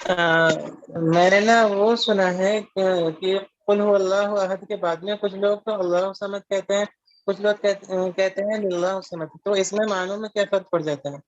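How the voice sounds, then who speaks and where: A man's voice: high voice, steady tone, normal speed, dry recording, dull audio. A man asking his teacher questions in an online class, polite and a little hesitant. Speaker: student.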